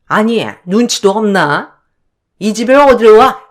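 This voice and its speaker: A woman's voice: mid-range voice, animated, a little slow, close to an everyday voice. A woman voicing a snobbish older mother-in-law who scolds with sneering contempt in a read-aloud story.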